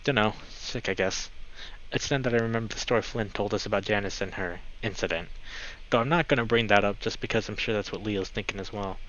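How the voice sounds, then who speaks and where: A man with a fairly low voice narrates a visual novel aloud for a let's play, talking fast with few pauses and now and then stumbling and correcting himself. His tone is a bit bright, and there's a little hiss or hum. The mic sounds slightly dull, with clear game music playing behind him.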